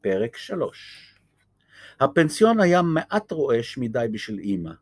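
A man reading a children's chapter book aloud, gentle and lively. His voice sits at an ordinary pitch, and the sound is dry and close. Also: slightly rough, dry recording. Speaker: storyteller.

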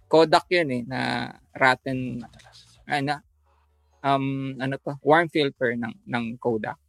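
A man, a photographer guest, telling a story in casual chat, halting with many fillers and restarts. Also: mid-range voice, a bit bright, dry recording, faint music behind.

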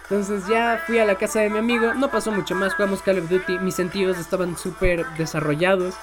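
A man's voice: sits high, level tone, fairly quick, over music. A young man casually telling a personal story, swearing freely and laughing often.

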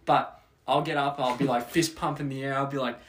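A man's voice: mid-range voice, steady tone, brisk, slight background noise. Upbeat man steering the chat. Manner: upbeat, reflective, steers the talk with questions. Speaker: podcast co-host. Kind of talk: casual chat.

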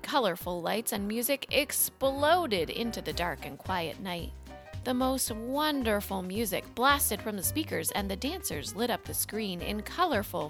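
A woman narrating a children's storybook in an animated, expressive way. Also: mid-range voice, gravelly.

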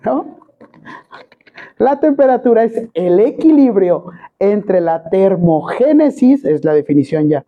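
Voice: medium pitch, lively intonation, takes it slowly. Teacher with a Mexican accent, tinny. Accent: Mexican Spanish. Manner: quizzes students with constant rhetorical questions. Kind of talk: classroom lecture. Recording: tinny phone-quality recording.

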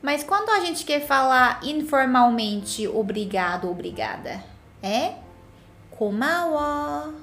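A woman's voice: high voice, big pitch swings, unhurried, a bit bright. A woman giving a casual language lesson as a Korean teacher, patiently repeating words for the learner to echo.

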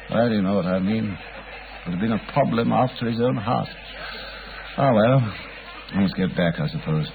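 An actor playing Dr. Watson, a polite, earnest doctor who also narrates, in an old radio drama. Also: male voice, fairly low pitch, moderate pace, gravelly, pauses often, slight background noise. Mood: polite, musing. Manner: courteous, earnest, musing. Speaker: narrator of the story. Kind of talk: 1940s radio acting. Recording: tinny old radio broadcast.

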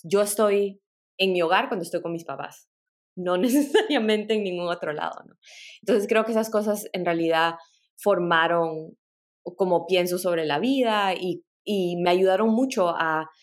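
On a podcast interview, a middle-aged guest from Peru tells her life story with care, dotted with little laughs and restarts. She's a tech product director whose voice sits on the low side at a moderate pace, with a mixed Latin American Spanish accent.

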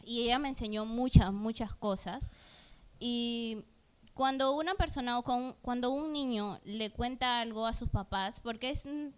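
A woman's voice: on the high side, a little slow, clean tone. A woman co-hosting a podcast, speaking in earnest, open and personal long turns in casual conversation. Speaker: podcast co-host.

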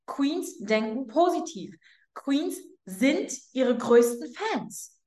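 A woman hosting a mindset podcast, guiding the listener through slow, emphatic affirmations and speaking to them directly. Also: high voice, sing-song, darkish tone, echoey room. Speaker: podcast host, mindset coach. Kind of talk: guided affirmation coaching.

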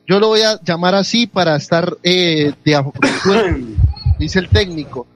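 A man hosting a sports radio show, reading club news in a steady way with frequent "eh" fillers. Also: high voice, measured pace, soft background music.

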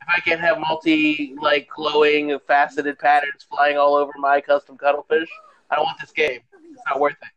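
A man's voice: fairly high pitch, monotone, moderate pace, highs cut off, a crowd in the background. A man hosting a casual, comedic group chat with joking banter. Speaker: podcast host. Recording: noisy, clicking, cutting-out mic.

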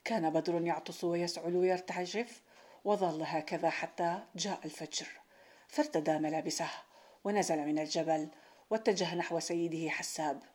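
A woman storyteller reading a folk tale in a steady, measured way. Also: fairly low pitch, slightly rough. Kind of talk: scripted folk tale narration.

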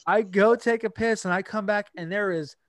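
A young man with a notably high voice tells stories between bursts of laughter, cursing freely as he hosts a casual podcast chat. His voice is recorded dry and close, with no room echo. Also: normal speed, a bit bright. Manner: laughing, profane storytelling. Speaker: podcast host.

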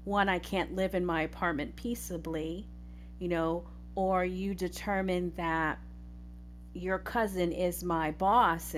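A woman's voice: fairly low pitch, slight background noise. A woman on a discussion panel, explaining earnestly with examples and frequent asides. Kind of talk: casual discussion.

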